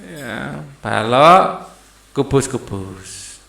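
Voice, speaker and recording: A man's voice: medium pitch, animated, drawn-out words, gravelly, bright, forceful tone, roomy sound. A man, patiently walking young pupils through a textbook lesson, checking in with many "ya"s. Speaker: teacher. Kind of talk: explaining a primary school textbook.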